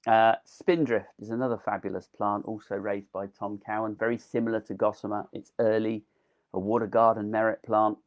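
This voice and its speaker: A fairly low-pitched, level-toned man talks fairly quickly in a live online gardening session. He's a delphinium grower, chatty and enthusiastic, dropping frequent ums while he gradually loses his voice.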